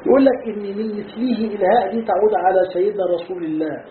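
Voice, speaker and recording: A man's voice: high-pitched, fairly even intonation, quick pace, a little hiss or hum. A man with an Egyptian Arabic accent, a sheikh teaching Quran commentary in a classroom lesson on Arabic grammar, quizzing his students and answering his own questions. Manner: asks students rhetorical questions and answers them himself. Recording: tinny lo-fi echoey lecture hall recording.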